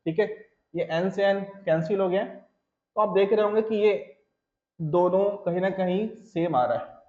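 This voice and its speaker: A man's voice: sits high, a little mellow. A male math teacher from India giving a classroom lecture, working through each step as he writes and checking in with his students. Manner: talks through steps while writing, pauses on each term; reassuring, checks in with "theek hai". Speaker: mathematics teacher. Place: coaching classroom. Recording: echoey room, slightly dull sound.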